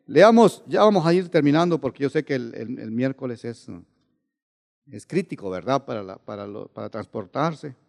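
A man's voice: fairly high pitch, a little mellow. Man preaching in an echoing hall. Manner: questioning the congregation with repeated tag questions. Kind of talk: sermon.

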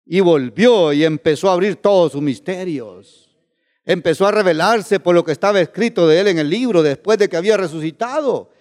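Man preaching, slightly high voice, asks his listeners again and again, long church-hall reverb. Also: normal speed, darkish tone. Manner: questioning the congregation with repeated tag questions. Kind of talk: sermon.

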